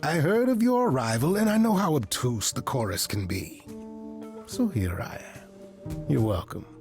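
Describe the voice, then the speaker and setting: An actor playing a suave, teasing immortal trickster god in a video game, with flowery, arch courtesy. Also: male voice, medium pitch, big pitch swings, a little slow, over music. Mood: theatrical, mischievous.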